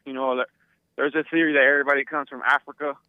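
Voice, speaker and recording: On a tinny phone line, a man calls in to a talk show to argue. He talks fast in a mid-range voice with little pitch movement and no echo, insisting on his point and repeating himself as he stumbles over words.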